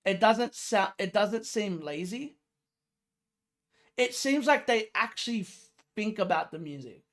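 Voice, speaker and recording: A reaction video host gives casual music commentary in a mid-range voice that is animated yet a little slow. He is slangy and informal, emphatic and repetitive, and often tosses out rhetorical questions.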